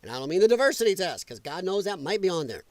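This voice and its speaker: Speaking fast and very animatedly, this man has a high-pitched, darkish voice with no echo. He hosts a livestream where he reads the news aloud and rants about it, adding sarcastic, exasperated, profane commentary along the way.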